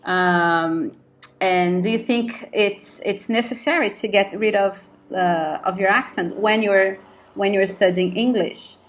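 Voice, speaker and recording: A woman's voice: medium pitch, measured pace, slight background noise. Brazilian woman host, Portuguese native, friendly questioner, lots of affirming. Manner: affirming, frequent backchannels. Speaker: interviewer, English teacher. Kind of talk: casual interview.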